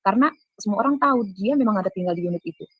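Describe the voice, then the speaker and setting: Husky-voiced woman giving earnest testimony. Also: mid-range voice, lively intonation, rapid-fire, dry recording, highs cut off. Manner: earnest, addresses listeners as "Saudara", acts out quoted dialogue. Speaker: testifying speaker. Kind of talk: personal spoken testimony.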